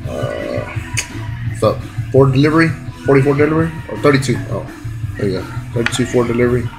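Texan man, mid-pitch, rambling hobby vlogger, music bed under him. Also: fast talker, gravelly, rough recording. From Texas. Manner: excited, rambling, talks to himself while handling toys. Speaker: toy car collector vlogger. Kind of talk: casual unboxing vlog.

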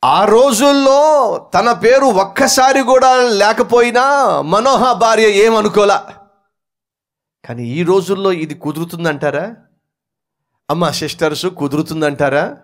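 A man's voice: high voice, measured pace, long pauses. A male pastor preaching a storytelling sermon, acting out the characters in his story.

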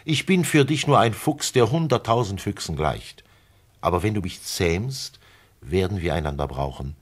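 A man voicing a wise, gentle male fox with a husky voice, speaking in a lively, heartfelt way in a classic radio play. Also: low voice, moderate pace, exaggerated voice. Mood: earnest, coaxing. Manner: lively, pleading, heartfelt delivery.

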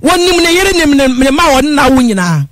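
A woman's voice: sits high, sing-song, fast, crowd noise. A woman calling in to a radio talk show, pleading and insistent as she keeps appealing to the host. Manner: pleading, insistent, repeatedly addresses the host as father. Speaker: radio call-in caller. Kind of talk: impassioned phone-in complaint.

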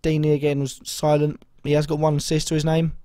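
A young man with a slightly hoarse voice that is still recovering, talking through his fantasy football week in a rambling way, full of ums and self-corrections. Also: on the high side, completely flat delivery, brisk, mellow, dry recording. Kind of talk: casual video commentary.

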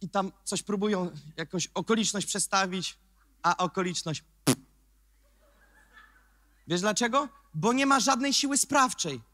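A man preaching a sermon as pastor, emphatic, swinging from quiet remarks to shouted questions. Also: sits high, measured pace, pauses often, no room sound.

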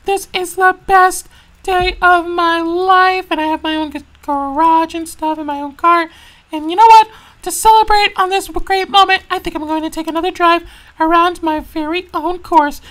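A woman voicing Mario as a jittery, excitable young male racer who stammers, repeats himself and frets aloud in a fan-made toy video. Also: very high voice, normal speed. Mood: thrilled.

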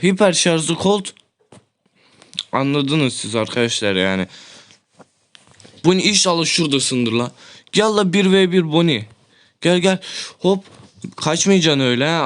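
A young man with a slightly high voice narrating his gameplay in an excitable rush. He swears often and breaks into loud shouts, recorded on a desk mic in an indoor room. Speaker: gaming YouTuber.

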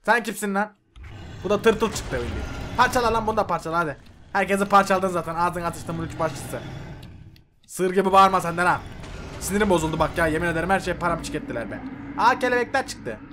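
A young man giving loud, excitable gameplay commentary, swearing and yelling at the mobs on screen. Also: sits high, quick pace, slight background noise. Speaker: gaming YouTuber. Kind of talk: Minecraft mod review commentary.

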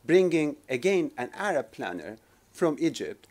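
A man's voice: on the high side, big pitch swings, measured pace, darkish tone. A man from Turkey in his forties, responding as a discussant on a conference panel, hesitating often with fillers and restarts, speaking from a podium in a lecture hall. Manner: hesitant, many filler restarts, gestures with notes. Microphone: podium microphone.

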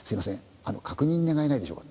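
A man voicing a hesitant, overly polite male police officer, speaking in a halting, hushed way. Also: medium pitch, very animated, slightly rough. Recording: long hall reverb.

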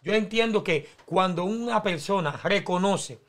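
High-voiced man explaining scripture. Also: moderate pace, fairly bright tone. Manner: teaching, explains Bible stories step by step. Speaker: preacher in panel talk.

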